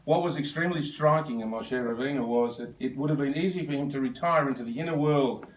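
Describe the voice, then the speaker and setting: At a birthday lunch, an older Australian man in his 70s gives a fast, meandering speech filled with side remarks. His voice is mid-range. The recording is distant and echoey, from a roomy hall with slight background noise.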